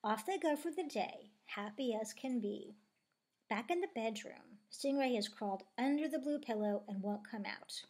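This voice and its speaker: A woman reading a children's book aloud with lively storytelling. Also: on the high side, moderate pace. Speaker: reader.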